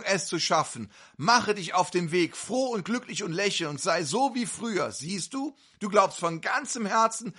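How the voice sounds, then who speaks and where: A man's voice: high-pitched, sharp tone. A man preaching at a faith-healing service, fervently questioning individual listeners one after another. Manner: fervent, insistent.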